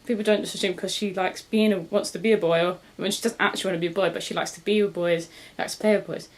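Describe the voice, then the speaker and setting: A young woman talks through her monthly reading in a loose, rambling way. She corrects herself mid-sentence and laughs easily. Her voice sits at an ordinary middle pitch. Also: fairly even intonation, fast. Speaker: book vlogger. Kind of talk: casual book review chat.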